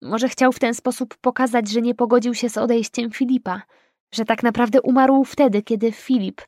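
Kobieta czytająca kwestie młodej przyjaciółki, mówi cicho, powoli i łagodnie, niemal szeptem. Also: female voice, fairly high pitch, fairly even intonation, dry recording, studio quality, close to an everyday voice. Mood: smutna, kojąca. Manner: soft, hushed, slow speech. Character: gentle, worried young woman friend.

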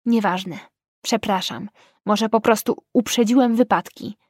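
A woman voicing a desperate young man who sends quiet apologetic messages, in an audiobook. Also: mid-range voice, measured pace, breathy edge, dry recording, clean studio sound. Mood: subdued.

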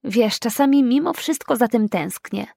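A woman's voice: a little high, lively intonation, moderate pace, gravelly, dark tone, no room sound, studio quality. A woman voicing a teasing, domineering young woman who needles her old friend with ironic, pushy remarks.

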